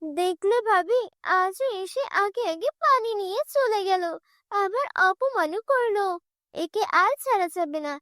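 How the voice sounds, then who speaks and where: A poor village woman in a cartoon who grumbles with resentment about a rich neighbour as a woman voices her. Her voice sits very high and sounds indignant. The sound is dry and close. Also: animated, measured pace, fairly bright tone, dry recording, exaggerated voice. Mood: resentful.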